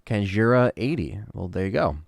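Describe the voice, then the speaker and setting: A man hosting a casual livestream, answering chat questions in a relaxed, rambling way with lots of fillers. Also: lowish voice, normal speed, creaky, no room sound, clean studio sound.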